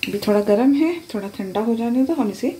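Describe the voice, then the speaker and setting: A woman hosting a home cooking tutorial, calmly explaining each step as she goes. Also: a little high, fairly quick, a little hiss or hum. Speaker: cooking channel host. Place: home kitchen.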